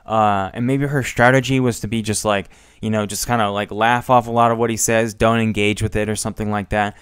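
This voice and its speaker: A man's voice: lowish voice, little pitch movement, smooth, no room sound, studio quality. A young man giving rambling, frustrated commentary on a debate, with many fillers and some swearing. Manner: rambling, halting, heavy with fillers. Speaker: political commentator.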